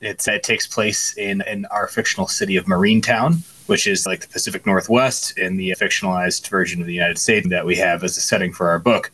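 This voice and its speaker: A man running a tabletop role-playing game as game master, explaining the setting and reading a mission brief in a relaxed way. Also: low-pitched, fairly quick, hardly any pauses, breathy edge.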